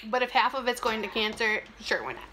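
A woman's voice: on the high side, very animated, a little fast. A young woman vlogger chatting casually and animatedly as she eats in front of a camera in a small room, sometimes talking between bites. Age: young adult. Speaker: mukbang vlogger. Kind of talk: casual chatty talk while eating on camera. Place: small plain indoor room. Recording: clear background noise, clicks.

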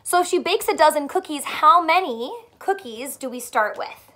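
A young woman teacher reads aloud to children in a small furnished indoor room, mixing a math lesson into the story. Her voice is very high and bright at a normal pace, and she keeps things animated by asking the little kids simple questions.

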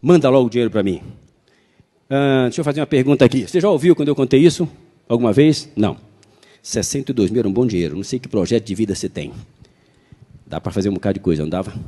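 A Brazilian pastor and physician telling a story in a sermon, animated and acting out the dialogue. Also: male voice, on the low side, very fast. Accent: Brazilian Portuguese. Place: church hall. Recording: reverberant church hall.

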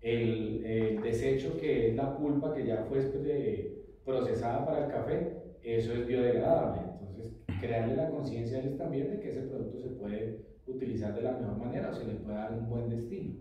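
A middle-aged man who owns a coffee company, answering interview questions in a measured, explanatory way in an office meeting room. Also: mid-range voice, lo-fi sound, a little hiss or hum. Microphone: far camera. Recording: echoey room from far off.

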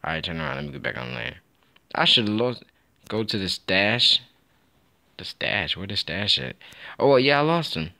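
Young man, gravelly voice, lively swings in pitch, slangy excitable gameplay commentary. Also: normal speed, pauses often. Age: young adult. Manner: excitable, trash-talking, laughing, slangy. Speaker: gaming YouTuber.

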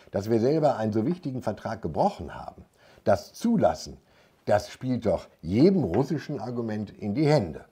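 A man in his seventies with a very deep, dark voice. He speaks as a political commentator, emphatic and halting, with a husky grain to his tone. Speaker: military commentator, guest. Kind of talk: studio political discussion. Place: indoor studio set.

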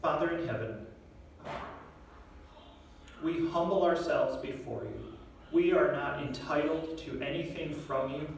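A man's voice: on the high side, unhurried, gravelly, pauses often, slight background noise. Earnest young man preaching in an echoey church. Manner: earnest, direct, asks the listeners questions. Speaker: guest preacher. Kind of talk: sermon. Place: church sanctuary. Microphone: podium microphone, filmed from far back. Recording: echoey church room from far off.

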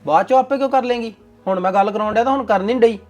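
A man's voice: very high voice, rapid-fire, soft background music. A young man with a Punjabi accent acting a bossy, commanding husband in a domestic drama. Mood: stern.

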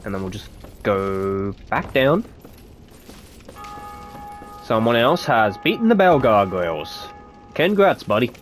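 A man's voice: on the low side, very animated, takes it slowly, long pauses, soft background music. A man with a stuffy nose giving casual let's-play commentary, muttering to himself as he plays. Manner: chatty, muttering to himself while playing. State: stuffy-nosed. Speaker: gameplay commentator.

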